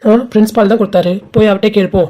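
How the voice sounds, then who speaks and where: Woman acting out a cocky college guy, cartoon, sneering, teasing, fast talk, warm low-key tone. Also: fairly even intonation, close to an everyday voice. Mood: mocking. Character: cocky mocking young college man. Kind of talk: amateur animated cartoon dub.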